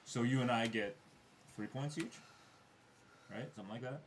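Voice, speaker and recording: A man playing a board game with friends, chatting and joking in an animated way. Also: medium pitch, normal speed, crowd noise. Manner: animated, joking, repeats words for effect. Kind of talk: casual chat over a board game. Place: room at a group livestream. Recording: distant mic with clicking noise.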